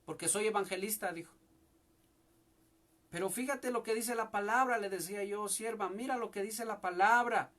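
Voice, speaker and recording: A young man preaches a fervent sermon in a noticeably high voice. He speaks as a pastor and keeps calling out to his listeners as brother. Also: normal speed, fairly bright tone. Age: young adult. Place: home church service.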